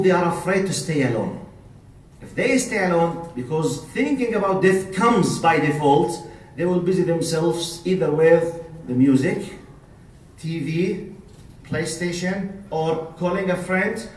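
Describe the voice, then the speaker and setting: A man with a Jordanian Arabic accent, a native Arabic speaker, gives an emphatic Islamic lecture to a live audience, punctuating it with rhetorical questions and short checking tags. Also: sits high. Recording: echoey, picked up from a distance.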